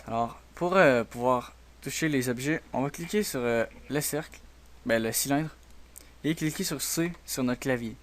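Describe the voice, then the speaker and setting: A man with a Québécois French accent hosting a software tutorial, talking quietly and hesitantly with many fillers. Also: mid-range voice, normal speed. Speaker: tutorial host. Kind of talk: screen-recorded software tutorial.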